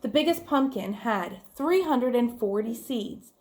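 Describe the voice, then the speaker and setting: Unhurried and lively in intonation, a woman with a fairly high, darkish voice reads a story to children as a teacher would. Her telling is clear and expressive, complete with performed dialogue, questions directed at listeners and conversational asides.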